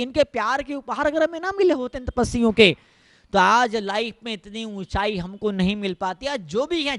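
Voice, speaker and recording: A man's high voice delivering a sermon as a monk, repeating his points for emphasis. The sound is dry and close. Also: a bit bright, dry recording. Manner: repetitive, emphatic, mixing English phrases. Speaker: Jain monk.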